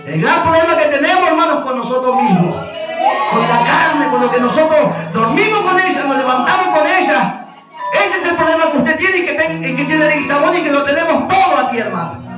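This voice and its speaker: A man's voice: extremely high pitch, a little fast, dull audio. A male pastor with an Argentine accent preaching a fervent sermon, calling out brother and amen again and again. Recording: echoey church hall from far, music behind.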